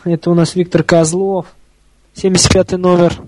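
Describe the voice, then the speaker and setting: A high-pitched male voice delivers live hockey play-by-play in a dry, close sound. He talks like a partisan fan, chatty and colloquial, with fairly little swing in his intonation. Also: flat delivery, normal speed, darkish tone, no room sound. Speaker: hockey commentator.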